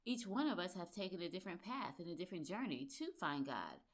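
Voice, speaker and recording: A woman's voice: fairly low pitch, big pitch swings, fast. Woman podcast host, enthusiastic, eager and emphatic. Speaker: podcast host and relationship coach. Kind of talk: upbeat podcast interviewing.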